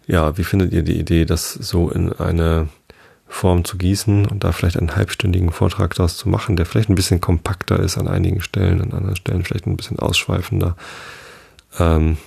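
A man's voice: sits low, creaky, darkish tone, slightly rough. A man hosting a podcast, reading a story to help listeners sleep and then chatting hesitantly. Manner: hesitant with fillers in his own talk. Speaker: podcast host reading aloud. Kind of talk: bedtime story reading, then casual chat.

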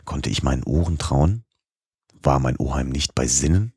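Very deep-voiced male audiobook narrator. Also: normal speed, darkish tone, husky, no room sound, studio quality.

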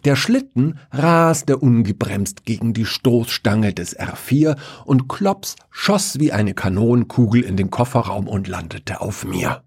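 Male storyteller with a husky voice, wry and even, in a dry sound. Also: medium pitch, a little slow, few pauses, no echo. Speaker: narrator.

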